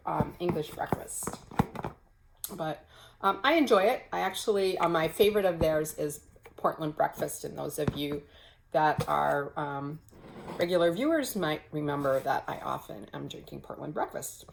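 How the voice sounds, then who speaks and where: A woman with a somewhat low voice chats casually to camera at home, showing her stitching. She rambles, filling pauses with ums and correcting herself as she goes. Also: gravelly, noisy background. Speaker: cross-stitch vlogger. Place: home, early morning.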